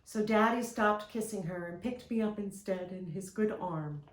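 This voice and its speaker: A woman gently and expressively reading a children's picture book aloud, with a roomy echo. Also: medium pitch, normal speed.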